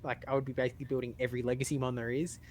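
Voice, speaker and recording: A man chatting casually on a podcast, rambling and haltingly repeating words as he thinks aloud. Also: medium pitch, little pitch movement, a little mellow, slight background noise. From lives in Australia. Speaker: podcast panelist.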